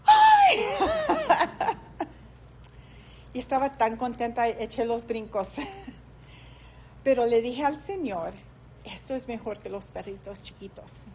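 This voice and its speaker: A middle-aged woman pastor preaches from the pulpit, her voice sitting high. She tells a personal story heartfelt animation and hesitant fillers. A faint hiss of background noise runs under her words. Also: a little slow, warm tone. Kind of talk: sermon. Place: church sanctuary.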